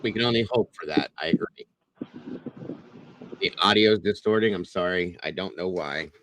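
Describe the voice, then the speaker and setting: A man's voice: sits low, moderate pace, a bit bright, a little hiss or hum. A man hosting a livestream in casual, rambling commentary that repeats itself, heard through a clipping, distorted microphone. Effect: clipping, distorted mic audio. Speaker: livestream host.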